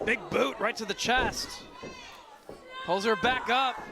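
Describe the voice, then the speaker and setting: A man calling live wrestling play-by-play, excited and clipped, often raising his voice to a shout. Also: extremely high pitch, slow. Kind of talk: live sports commentary. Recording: loud crowd and noise behind. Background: wrestling crowd.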